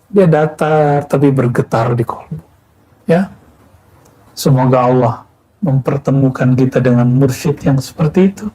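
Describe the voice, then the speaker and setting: Mellow-voiced preacher with rhetorical questions. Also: male voice, medium pitch, slightly rough, poor audio. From Indonesia. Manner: plain, unhurried teaching with rhetorical questions. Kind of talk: sufi sermon.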